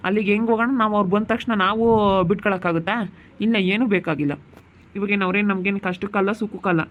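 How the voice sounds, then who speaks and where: A man's voice: high-pitched, steady tone, fast, phone-quality sound, lightly acted. A man playing a furious young husband. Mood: angry. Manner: heated, repetitive scolding. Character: angry young husband guarding his sick wife. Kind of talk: amateur village family drama.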